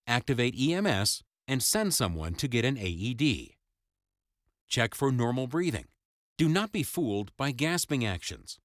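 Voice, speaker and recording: A man's voice: medium pitch, no echo, clean studio sound. A man reading scripted instructional narration for a first-aid training video, in an emphatic, imperative way. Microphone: close, dry voice-over.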